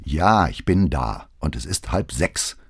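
A man's voice: extremely low pitch, expressive, slow pace, husky, no echo, studio quality, full character voice. A man voicing a curt, tired police commissioner. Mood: curt, commanding. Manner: curt, commanding.

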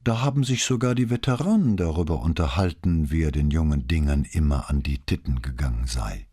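A man voicing a calm, coolly polite middle-aged police commissioner who wounds on purpose, in an audiobook. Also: sits low, normal speed, husky, no room sound, studio quality, pitched above the performer's own voice, full character voice. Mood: mocking.

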